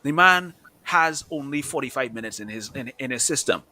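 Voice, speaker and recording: A man's voice: mid-range voice, expressive, normal speed, sharp tone. A man in his thirties co-hosting a casual football chat, rambling with restarts and laughing easily. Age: 30s. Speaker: podcast co-host.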